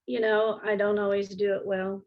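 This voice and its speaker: A middle-aged or older woman speaking in a calm, gentle, reflective way in an interview, halting as she searches for words. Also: medium pitch, dull audio. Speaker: interview guest.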